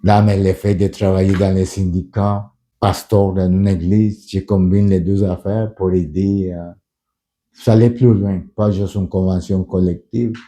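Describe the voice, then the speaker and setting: Middle-aged guy, french isn't his first language, deep low voice, really mellow dark tone, earnest storytelling with lots of restarts. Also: level tone, measured pace. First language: not French. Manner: earnest, with hesitant restarts and repeated words. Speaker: union leader and pastor. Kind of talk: documentary interview storytelling.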